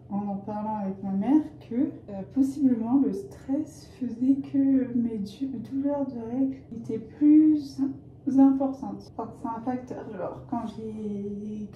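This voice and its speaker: A young woman from the Paris area talks through her student week in a casual, meandering vlog style, full of hesitations and fillers. Her voice is very dark and mellow. The sound carries the echo of the room she records in. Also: fairly high pitch, lo-fi sound, a little hiss or hum. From Paris area, France. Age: young adult. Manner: chatty, rambling, hesitant with frequent fillers. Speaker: student vlogger.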